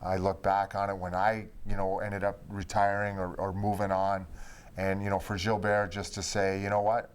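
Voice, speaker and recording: A former hockey player reminiscing with old teammates in a relaxed way, filling his talk with "you know". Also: sits low, normal speed, slight background noise. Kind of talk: reminiscing conversation.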